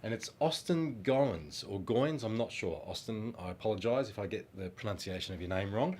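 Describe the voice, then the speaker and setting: His voice is lowish, a little mellow, and animated, at a normal pace, with slight hiss or hum on the recording. He is a middle-aged Australian, nose blocked from a cold, a one-time children's band singer casually fielding fan questions in a chatty, rambling way filled with ums.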